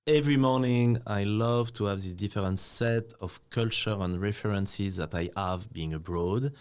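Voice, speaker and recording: Man, low voice. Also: normal speed, clear, resonant tone. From France. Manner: animated, slightly non-native phrasing, frequent "you know". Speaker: guest, bank executive. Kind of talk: casual interview talk.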